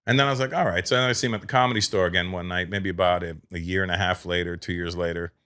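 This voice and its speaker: A man in his fifties with a Canadian accent, hosting a podcast and telling a story in a casual, animated way. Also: low-pitched, clean tone. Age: 50s. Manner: animated, quick storytelling with imitated voices. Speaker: podcast host.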